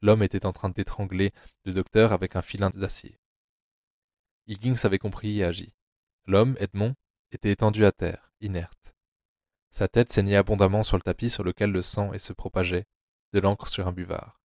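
A man narrating an audio drama adaptation of a novel in a low, steady storytelling voice. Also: normal speed, dry recording, studio quality.

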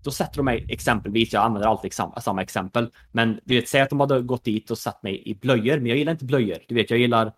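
A man's voice: medium pitch, few pauses. Man, thirties, from Sweden, casual podcast talk, rambling, lots of fillers and asides. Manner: chatty, filler-heavy, lots of "you know" asides. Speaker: former pro gamer turned esports executive.

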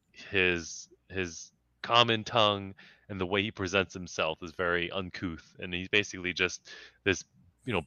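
A man's voice: low-pitched, pushed and bright, clean tone, dry recording. A man talking as a podcast guest in casual chat, reflective and working through his thoughts with restarts. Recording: slightly dull lo-fi sound, dry.

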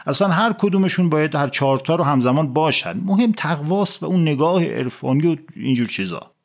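A man's voice: on the high side, expressive. A man voicing a tipsy, self-righteous male aide who rambles about piety in a comic story. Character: tipsy, pious-posing male officer's aide.

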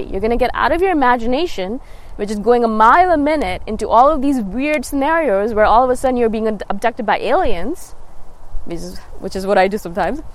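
A woman's voice: a little high, a little hiss or hum, rough recording. A young woman talking casually about everyday self-help, acting out quoted thoughts in little voices with many restarts. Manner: chatty, frequent restarts and fillers. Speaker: self-help video host.

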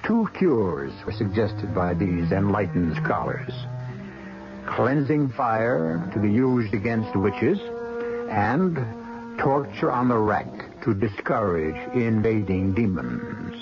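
A man's voice: on the low side, big pitch swings, takes it slowly. A man hosting and narrating a horror radio drama with theatrical, sardonic scripted delivery. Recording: dull lo-fi radio recording. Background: music.

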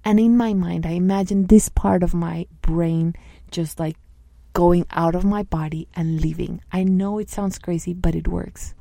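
A woman in her thirties, a coach, speaking softly and earnestly about her own experience, at times voicing inner thoughts. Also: fairly low pitch, fairly even intonation, measured pace, creaky, no echo. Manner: soft-spoken, earnest, acts out inner voices. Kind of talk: reflective personal talk.

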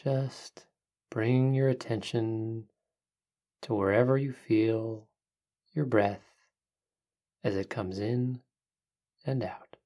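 A calm meditation podcast host with a medium-pitched voice, guiding the listener in short, soothing phrases. The delivery is very unhurried, with long pauses between instructions. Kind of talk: guided meditation narration for a podcast.

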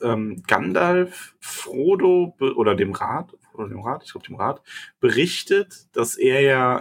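Guy, a bit husky, laid back, talking through a book chapter. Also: mid-range voice. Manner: relaxed, thoughtful retelling. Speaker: podcast co-host. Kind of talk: casual book discussion podcast.

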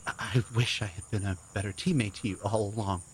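An actor playing an earnest, apologetic man in love in an audio drama, halting and stammering tenderly. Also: on the low side, steady tone, a little hiss or hum, lightly acted.

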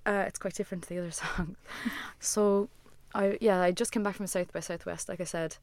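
A woman with a smooth, clear, slightly low voice, recorded close and dry. She chats casually as an interview guest, rambling and scattering "like" fillers through her sentences. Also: steady tone, brisk, a little mellow, dry recording. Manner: rambling, heavy use of "like" fillers. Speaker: guest, musician and former designer.

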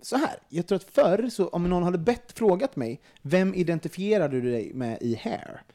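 A young man hosting a casual podcast chat, talking in an animated way with many fillers and some swearing when worked up. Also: high-pitched. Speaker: podcast host.

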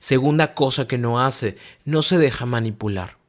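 A man's voice: mid-range voice, normal speed. A man giving a motivational talk, earnestly explaining his points and answering his own questions. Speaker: speaker on emotional intelligence.

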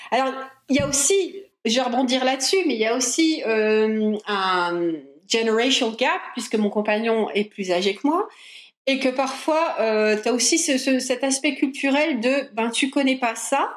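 A woman's voice: on the high side, moderate pace, roomy sound. A French woman guest in a casual interview, talking with many hesitations and restarts. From France.

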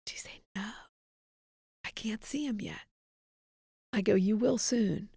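A middle-aged woman speaks earnestly and reflectively as an interview guest. Her voice has a gravelly edge at a mid pitch. The sound is dry and close. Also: takes it slowly, warm tone, no room sound. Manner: earnest, reflective, quotes others in dialogue. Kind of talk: candid faith testimony.

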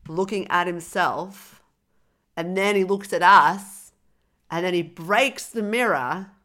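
A woman co-hosting a casual film discussion podcast, talking in an animated way and swearing freely. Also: on the low side, takes it slowly. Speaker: podcast co-host.

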